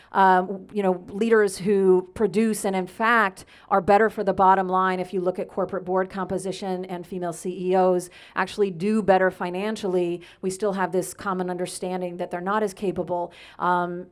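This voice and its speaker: A woman academic on a panel, talking briskly in a lecturing way and citing research and dates. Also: mid-range voice. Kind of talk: panel discussion. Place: event panel before an audience.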